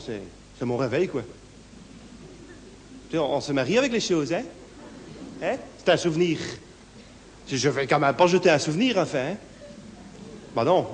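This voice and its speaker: A man with a Brussels French accent performing a nervous, rambling one-man stage monologue, full of local fillers and sudden put-on voices. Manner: acts out other voices in higher pitch. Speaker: stand-up performer. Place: theatre stage. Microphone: handheld stage mic. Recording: long hall reverb, faint room noise.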